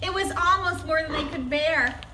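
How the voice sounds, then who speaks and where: Bright-voiced woman reading stories aloud. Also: high voice, normal speed, echoey room, slight background noise. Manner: expressive, chatty asides. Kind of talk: storybook read-aloud.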